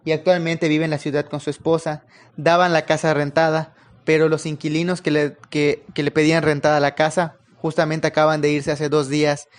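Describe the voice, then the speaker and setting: Calm man narrating horror. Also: a little high. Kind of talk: first-person horror story narration.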